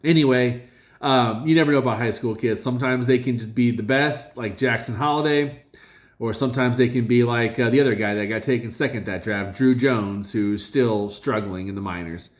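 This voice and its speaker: A man talks through his fantasy league draft picks casually, his mid-range voice hesitant and rambling, with many fillers and self-corrections.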